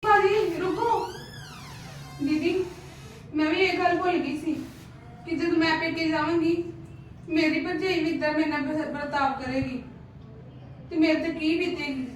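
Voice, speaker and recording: A woman's voice: very high voice, steady tone, unhurried, long pauses. A woman playing a remorseful sister-in-law who pleads and apologizes. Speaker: sister-in-law in a family skit. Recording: echoey room from far off, faint noise.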